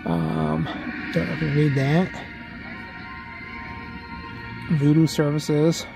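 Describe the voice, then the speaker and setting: A man's voice: fairly high pitch, big pitch swings, very slow, creaky, music in the background. A middle-aged man casually narrating a walk through an outdoor haunted farm at night, reading the signs aloud with dry jokes, into a handheld phone. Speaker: vlog host.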